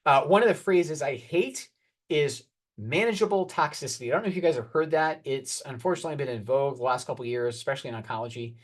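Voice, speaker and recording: A man's voice: mid-range voice, fast talker. Man, 40s, oncologist presenting on stage; candid, wry and earnest. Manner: calls for next slides. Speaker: oncologist giving a talk. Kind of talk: conference presentation.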